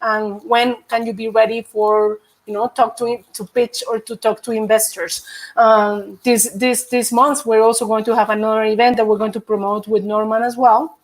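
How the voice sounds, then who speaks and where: A woman's voice: fairly high pitch, flat delivery, normal speed. A woman hosting a live online event, chatty and friendly as she asks questions and guides the talk. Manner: chatty, frequent laughs and backchannel mm-hmms. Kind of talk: live stream hosting and interviewing.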